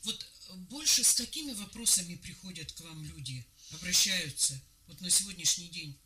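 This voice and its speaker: A woman hosts a radio interview in a chatty, down-to-earth way. She puts her questions through everyday what-if examples. A clear layer of noise runs under her voice. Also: lowish voice, expressive, normal speed. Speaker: radio host.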